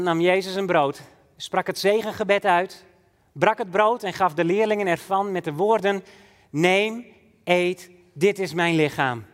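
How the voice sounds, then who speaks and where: A man preaching a sermon with passion, his voice lifting high and then dropping to a hush. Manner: impassioned, with swings between soaring and hushed delivery. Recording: long hall reverb.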